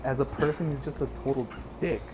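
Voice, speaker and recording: A man's voice: mid-range voice, a little fast, background noise. A young man streaming a game, chatting casually and rambling with lots of swearing and fillers. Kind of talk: casual chat while streaming gameplay.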